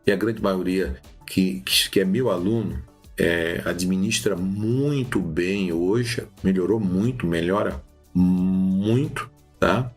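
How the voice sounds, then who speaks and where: A man teaching new preachers in a live-streamed lesson, animated, with many restarts and "tá bom?" checks. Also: low voice, takes it slowly, soft background music.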